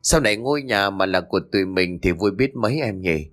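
A callous, greedy man talks in a glib, cocky way, as the narrator plays him. His pitch moves in a lively way through each line. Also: fairly quick, faint music behind. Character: callous, greedy adult male lover.

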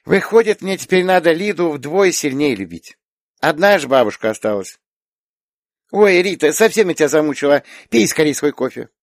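A man's voice: animated, moderate pace, no echo, clean studio sound. A man reading an audiobook, voicing a cheerful, chatty little girl who keeps asking questions. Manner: eager, questioning, high childlike voice. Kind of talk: audiobook character voice.

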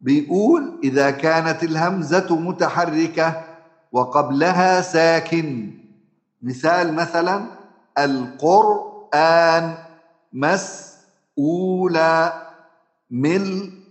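A man with an Egyptian Arabic accent teaching Quran recitation rules, often asking his class a question and then answering it himself, and drawing out the words he gives as examples. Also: a little high. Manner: drawn-out chanted examples. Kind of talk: tajweed lesson explaining recitation rules. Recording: roomy echo.

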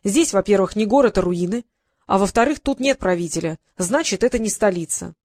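A woman's voice: medium pitch, lively intonation, brisk, a little mellow, natural voice. A woman reading an audiobook, voicing a stubborn, clever young male wizard with a firm, indignant manner.

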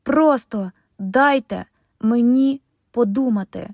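A woman's voice: a little high, unhurried, no room sound, clean studio sound. A woman doing a flustered hapless robber. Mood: exasperated. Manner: tense, exasperated, fumbling. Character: flustered, clumsy young male bank robber.

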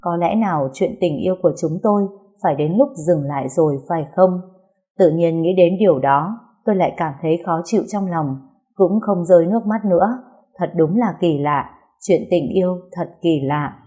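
A woman, narrating a first-person story in a steady, plain reading voice. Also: on the low side, moderate pace.

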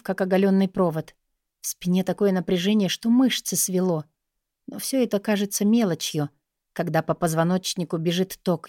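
A woman's voice: fairly low pitch, a little mellow, no room sound, studio quality. A woman reading scripted first-person romance fiction as an audiobook narrator, in an intimate, sensual way.

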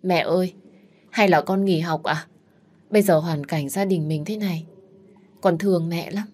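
A woman's voice: normal speed, darkish tone, lightly acted. A woman voicing an earnest young student sister who pleads with her mother. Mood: pleading. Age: young adult. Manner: pleading, childlike, raised pitch.

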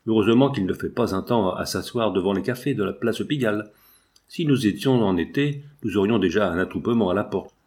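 A man's voice: fairly low pitch, fairly quick, a little mellow, natural voice. Man reading a seasoned old policeman for an audiobook, matter-of-fact and assured. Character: old male policeman, former soldier, assured.

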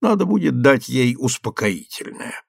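Male narrator voicing an older spinster nurse; curt, unruffled, gravelly. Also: mid-range voice, normal speed, no room sound, studio quality, heavily acted. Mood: calm. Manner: calm, curt.

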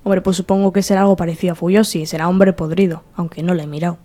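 Dry-spoken woman, mellow tone. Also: on the low side, level tone, fast. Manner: dry, brief remarks. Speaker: radio guest. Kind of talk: casual radio chat. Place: radio studio.

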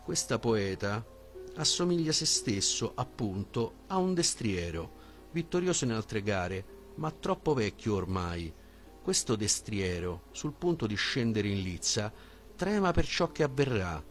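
A man voicing an old male philosopher who reasons in a measured, reflective way. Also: lowish voice, big pitch swings, faint music behind. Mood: reluctant.

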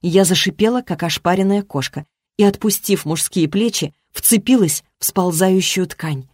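A woman narrating a first-person romance novel in a measured, expressive reading. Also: medium pitch, no room sound, studio quality. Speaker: audiobook narrator.

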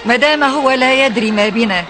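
A woman's voice: high voice, quick pace, over music, close to an everyday voice. A woman playing a plaintive poor mother. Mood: reproachful. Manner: plaintive, reproachful. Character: poor mother of hungry children, bitter. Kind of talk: radio drama acting. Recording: noisy old radio recording.

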